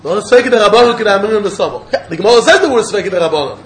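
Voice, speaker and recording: A man's voice: high-pitched, animated, racing. A man with a Yiddish accent teaching an informal religious lesson, insistently repeating his phrases as he explains and questions. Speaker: Talmud teacher. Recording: echoey room with faint noise.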